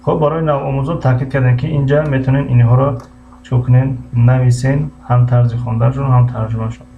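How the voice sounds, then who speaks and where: A man with a Tajik accent teaching English on a live stream, repeating each word slowly and greeting viewers by name. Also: medium pitch, fairly even intonation, vocal fry. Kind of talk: live-streamed language lesson. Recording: muffled lo-fi stream audio with faint hum.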